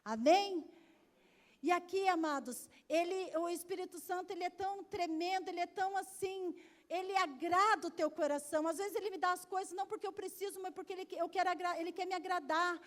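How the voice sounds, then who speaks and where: A woman's voice: extremely high pitch, steady tone, a little fast. A Brazilian woman pastor preaching a sermon in church, telling stories with emphatic repetition.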